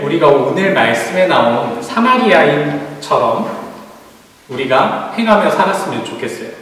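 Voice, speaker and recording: A man gives a children's sermon in a fairly high, lively voice that rises and falls as he tells the story gently. He sounds far from the mic, and the long echo of a church hall rings around every phrase. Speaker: youth pastor. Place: church sanctuary.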